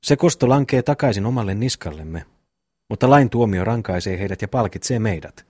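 Level-headed farm brother, man reading, low husky, dry sound. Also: dry recording. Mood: reasoned. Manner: calm, reasoning. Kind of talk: audiobook reading of a classic novel.

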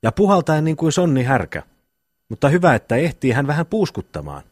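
A man's voice: fairly high pitch, big pitch swings, breathy edge, dry recording, clean studio sound, voice pushed up. A man reading the part of a witty youngest brother in an audiobook, sly and mocking. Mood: teasing.

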